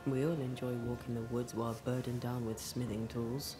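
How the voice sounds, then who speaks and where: An actor playing a wry, observant ghost-hunting companion in a video game, speaking dryly and deliberately. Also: male voice, mid-range voice, little pitch movement, over music, natural voice. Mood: wry, deducing. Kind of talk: dramatic video game acting.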